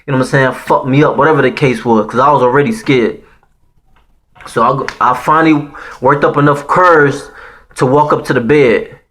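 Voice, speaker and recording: A man in his thirties with a Haitian accent, from Haiti, shares a personal story with viewers at a fairly quick pace, his mid-range voice a bit bright. He talks casually and profanely, full of slang, often saying "man" and "you know what I'm saying."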